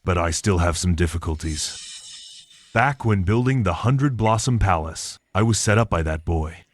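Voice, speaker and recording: A deep-voiced wary official. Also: male voice, lively intonation, unhurried, dry recording. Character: cautious male official, a scheming underling. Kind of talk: dubbed drama.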